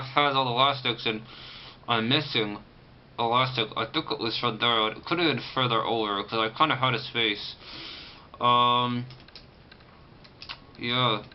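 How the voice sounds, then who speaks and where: Man talking through a sore, banded jaw, muffled. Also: medium pitch. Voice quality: restricted, tight-jawed articulation from a banded, sore jaw after surgery. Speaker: vlogger. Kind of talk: casual first-person recovery vlog. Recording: muffled, lo-fi camera audio with clear background noise.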